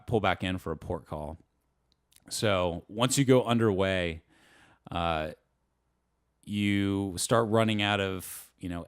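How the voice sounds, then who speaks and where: A man in his twenties, a navy submarine officer, telling stories in a relaxed and chatty way with light laughs and fillers during a casual podcast interview. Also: low voice, clear, resonant tone, dry recording, studio quality.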